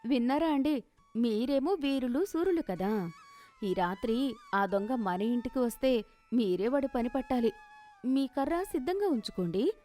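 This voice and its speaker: A woman voicing a bold village wife in an animated story who needles her husband. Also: on the high side, measured pace, pauses often, faint music behind. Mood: mocking. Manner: mocking and needling.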